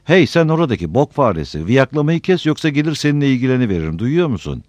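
A man's voice: mid-range voice, sing-song, quick pace, dry recording, pitched above the performer's own voice. A man doing a snarling, growling orc jailer. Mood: threatening. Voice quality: growling, threatening. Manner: shouting threats. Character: snarling brutish orc jailer, male, cruel. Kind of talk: audiobook reading.

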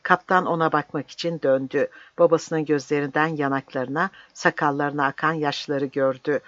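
Audiobook narrator, measured, serious, mid-pitched, dry, dull lo-fi sound. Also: steady tone, fairly bright tone, no room sound. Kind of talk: scripted narration of a novel.

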